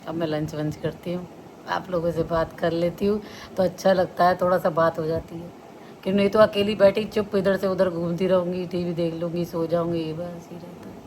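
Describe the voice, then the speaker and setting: A woman's voice: fairly low pitch, darkish tone. A chatty middle-aged woman, talking to her viewers at home. She laughs often while she tells her story. Faint room noise sits under her voice. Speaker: vlogger. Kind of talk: casual chat to viewers.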